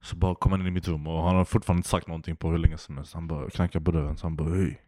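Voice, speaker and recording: Podcast co-host, male, low voice, dry close mic, laid-back storyteller. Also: little pitch movement, warm tone, dry recording. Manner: laid-back, rambling, laughs often. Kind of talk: casual chat, storytelling.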